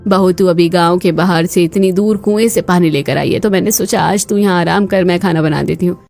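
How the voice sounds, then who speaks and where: A woman voicing a kind but firm older mother-in-law in a cartoon story, speaking calmly and insistently. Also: fairly low pitch, fairly quick, vocal fry, soft background music.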